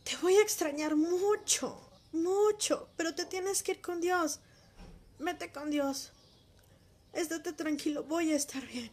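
High-voiced woman giving testimony. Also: darkish tone. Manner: emotional, intimate, talking straight to the listener. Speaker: speaker sharing a personal faith testimony. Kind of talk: heartfelt personal testimony.

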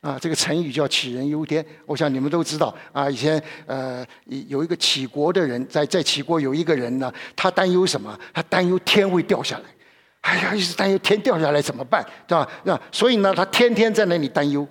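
Husky-voiced man preaching a sermon. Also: on the high side, a little fast, fairly bright tone. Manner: conversational, repeats himself and asks the listeners questions.

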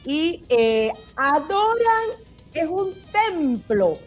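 A talkative woman with an eastern Cuban accent, her voice sitting a little high for a woman. She chats expressively through a radio interview and breaks into laughter often. Soft music plays faintly behind her. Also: big pitch swings, very slow, dull audio. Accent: eastern Cuban Spanish. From eastern Cuba. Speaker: singer, interview guest. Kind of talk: casual radio interview chat.

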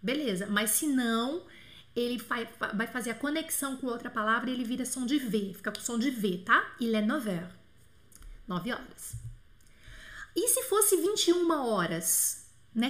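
Female French teacher, slightly high voice, patient and repetitive, live class answering chat. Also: fairly bright tone. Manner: patient, repeats words slowly to model pronunciation; answers viewers' questions by name. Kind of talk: live online lesson.

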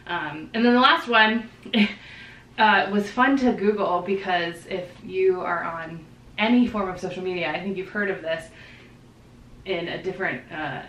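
A woman's voice: fairly low pitch, a little slow, a bit bright, a little hiss or hum. Chatty woman podcast host, roomy sound. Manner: chatty, laughs easily, many fillers. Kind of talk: casual explanatory chat. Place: living room with dog present. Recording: roomy echo, distant mic, faint background.

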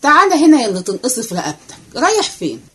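A woman voicing a bossy, sharp-tongued middle-aged housewife with an Egyptian accent, scolding and impatient. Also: mid-range voice, very fast, husky, lightly acted. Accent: Egyptian Arabic.

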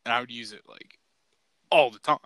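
A man co-hosting a podcast in casual chat, relaxed and rambling, with lots of "like" as filler. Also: medium pitch, fairly quick, no room sound, poor audio. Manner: relaxed, rambling, heavy use of "like". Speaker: podcast co-host.

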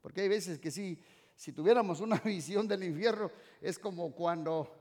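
A Mexican-born man preaches with a high, ringing voice that lingers in the hall's long reverb. He shifts from loud exclaiming to soft, drawn-out words. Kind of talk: sermon. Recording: reverberant hall sound.

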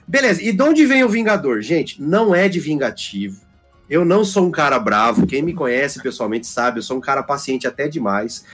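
A man with a strong rural Brazilian R, telling a story as a podcast guest in a chatty, animated way and acting out the quoted lines. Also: a little high, moderate pace, breathy edge, soft background music. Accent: Brazilian countryside, strong rolled R. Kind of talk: casual chat.

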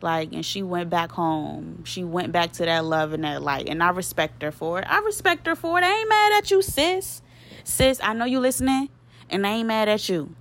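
Candid young woman with a low voice. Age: 20s. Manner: candid and emotional, repeats phrases, heavy slang. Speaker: podcast host. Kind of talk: solo podcast monologue, casual venting.

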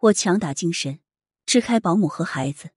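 A woman reads a first-person story aloud, slowly and softly, with emotion. Her voice is husky and breathy, and the recording is close and dry. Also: fairly low pitch, expressive, dry recording. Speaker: narrator.

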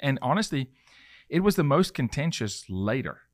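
A man's voice: mid-range voice, sing-song, moderate pace, no room sound, studio quality. A South African man in his forties from Johannesburg, hosting a podcast interview in a casual, conversational way. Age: 40s. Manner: conversational, restarts often. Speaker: podcast host.

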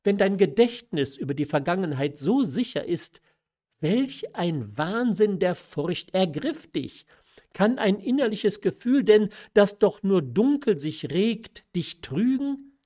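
A man's voice: a little high, expressive, slow pace, darkish tone. A man reading aloud who voices a stern, reproachful aristocratic mother in a classic story. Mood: agitated. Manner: reproachful, agitated. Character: stern aristocratic mother, middle-aged woman. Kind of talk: audiobook reading of a classic novella.

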